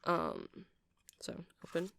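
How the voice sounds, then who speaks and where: The vampire shopkeeper here, a chatty, nerdy male character in an ASMR roleplay, gets an exaggerated, slow delivery at medium pitch, swooping wildly with vocal fry. He rambles and explains hesitantly and apologetically, correcting himself throughout a casual sales chat. The background is noisy.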